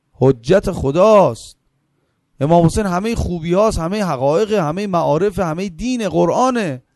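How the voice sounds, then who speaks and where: A man delivering a religious sermon, asking questions and answering them himself, swinging between emphatic high phrases and soft low asides. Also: dry recording, clean studio sound. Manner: rhetorical, asks and answers his own questions. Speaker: preacher.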